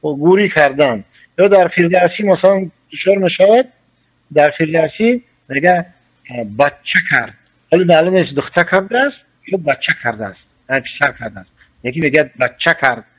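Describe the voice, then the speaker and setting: A man with a Tajik accent, a journalist answering in a radio interview, speaking slowly and deliberately as he explains. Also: a little high, expressive, slightly rough. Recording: muffled radio recording.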